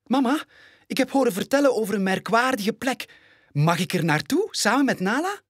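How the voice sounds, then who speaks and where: A man putting on a bouncy little lion cub for a storybook, way up high and squeaky, flemish accent, all excited and eager. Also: moderate pace, breathy edge, no echo, clean studio sound, exaggerated voice. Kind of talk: storybook read-aloud.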